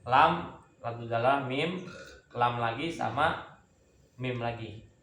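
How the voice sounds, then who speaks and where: A man's voice: medium pitch, takes it slowly, fairly bright tone. A man teaching a religious study group, drilling pronunciation and asking if listeners understand. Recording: echoey room, faint background noise.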